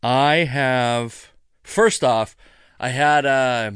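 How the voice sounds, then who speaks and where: Speaking very slowly in a smooth, fairly bright mid-range voice, this American man rambles through a solo podcast episode after a few drinks. A comedian and the show's host, he puts himself down and swears occasionally, and the studio sound is clean with no echo.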